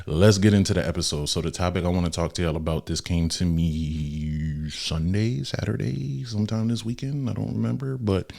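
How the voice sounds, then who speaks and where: Brief: young male podcast host, very low voice, laid-back faith talk full of slang. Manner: relaxed and conversational with slang.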